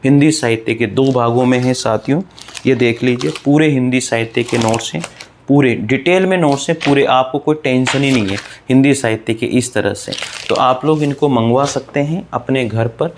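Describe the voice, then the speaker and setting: A male teacher at a middle pitch, talking close to the microphone in an online grammar class. He walks through each point step by step, poses questions and answers them himself, and repeats the key points to his viewers, whom he calls friends. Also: normal speed, a little hiss or hum.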